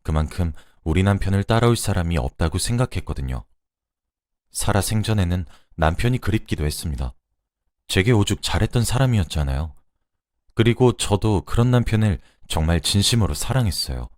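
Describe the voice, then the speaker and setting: Deep-voiced man narrating a story. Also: expressive, brisk, darkish tone, no echo, studio quality. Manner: earnest, confiding storytelling. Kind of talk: scripted narration of a first-person story.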